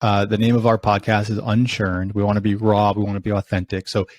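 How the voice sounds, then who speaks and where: A man's voice: lowish voice, little pitch movement, fairly quick, a little mellow, no room sound. A man hosting a podcast interview, asking questions eagerly and often restarting his words. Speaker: podcast host. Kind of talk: conversational interview.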